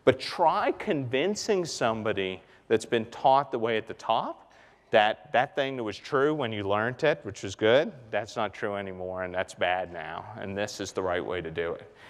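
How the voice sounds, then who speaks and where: Middle-aged guy from the bahamas doing a keynote, lowish voice, big hall echo. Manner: animated, gestures and paces the stage. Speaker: conference keynote speaker. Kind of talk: keynote talk. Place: large conference hall stage. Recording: reverberant hall.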